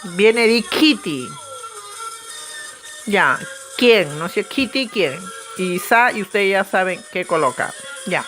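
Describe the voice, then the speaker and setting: A woman teaching a language class, saying each vocabulary word slowly and clearly and often checking that her students follow. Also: medium pitch, lively intonation, a bit bright, faint music behind. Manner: drills Aymara words slowly, checking in with "¿ya?" and "¿no es cierto?". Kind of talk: recorded language lesson.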